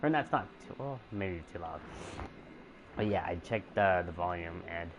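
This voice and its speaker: Soft-spoken, hesitant deep-voiced man. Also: animated, moderate pace, dull audio, slight background noise. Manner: hesitant, soft-spoken, many fillers and restarts. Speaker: game streamer. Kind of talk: casual stream chat.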